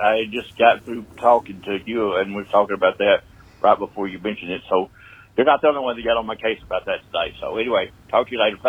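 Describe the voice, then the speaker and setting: A man's voice: on the low side, breathy edge. An older retired man leaving a rambling, chatty voicemail, played back over a phone line. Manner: rambling, chuckling, loose and chatty. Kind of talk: casual phone message.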